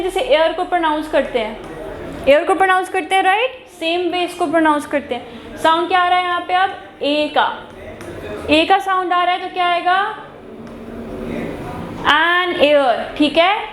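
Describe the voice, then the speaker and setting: A woman's voice: very high voice, a bit bright. A woman teaching an exam-prep grammar lesson, asking her students questions and answering them herself, switching between Hindi and English phrases. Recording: echoey room with faint noise.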